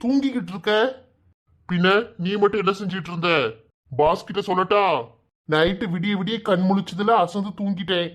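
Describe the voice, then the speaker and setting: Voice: mid-range voice, normal speed, natural voice. A performer voicing a lazy, threatening male kidnapper in a cartoon, with a Tirunelveli Tamil accent. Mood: grumbling. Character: bumbling male kidnapper thug. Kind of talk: cartoon voice acting.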